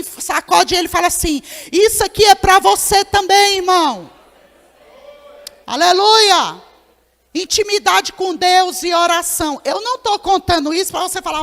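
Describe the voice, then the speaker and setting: A woman's voice: sits high, fairly bright tone. A woman pastor telling a testimony in a sermon, acting out the dialogue and calling out to the congregation. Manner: storytelling, acts out dialogue, addresses congregation as irmão. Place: church hall. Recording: long hall reverb.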